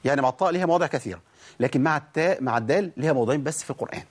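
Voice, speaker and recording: A man's voice: a little high, racing. A man with an Egyptian Arabic accent teaching Quran recitation rules, asking and answering his own questions and demonstrating sounds. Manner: demonstrates pronunciation. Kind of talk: tajweed lesson.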